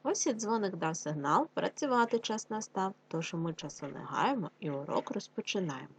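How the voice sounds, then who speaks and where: A woman teacher giving an online lesson to young schoolchildren, talking to them warmly and reading a folk tale aloud. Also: on the low side, expressive, husky. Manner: warm teacherly address, slow drilled syllables.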